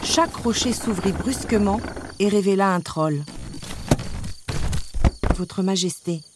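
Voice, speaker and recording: A woman narrating a children's storybook at a calm, measured pace. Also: medium pitch, noisy background. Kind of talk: storybook read-aloud.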